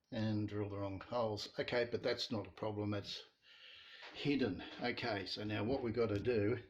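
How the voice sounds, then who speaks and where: Slow-talking man in his home shed. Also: on the low side. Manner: slow, plain-spoken, self-deprecating. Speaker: hobby woodworker. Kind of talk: casual workshop narration. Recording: dull lo-fi sound with faint noise.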